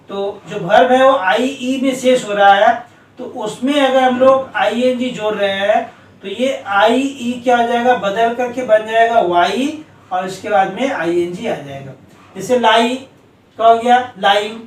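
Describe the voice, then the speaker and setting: A male teacher explaining English spelling rules to students, often asking them questions and spelling out letters slowly. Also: very high voice. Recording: echoey room, voice from a distance.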